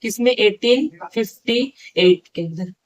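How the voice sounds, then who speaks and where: A woman teacher talking to her students in a relaxed, chatty lecture. She keeps asking questions and then answering them herself. She drops English terms into her explanations. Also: medium pitch, a little slow. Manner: mixes English terms into speech. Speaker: online teacher. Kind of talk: casual classroom lecture.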